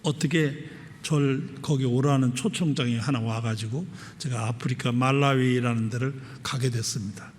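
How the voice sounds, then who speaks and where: A man's voice: mid-range voice, steady tone, moderate pace. Man preaching in a reverberant church. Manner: conversational, frequent "ah" interjections, rising to fervent exhortation. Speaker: pastor. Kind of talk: storytelling sermon. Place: church sanctuary.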